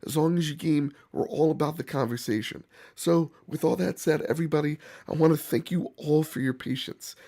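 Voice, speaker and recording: A man hosting gaming commentary, speaking bluntly and emphatically in a rough, hoarse voice as if sick. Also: fairly high pitch, brisk, few pauses, dark tone. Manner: emphatic, opinionated, blunt, swearing. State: hoarse from bronchitis. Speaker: gaming channel host. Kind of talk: opinion commentary to camera or viewers.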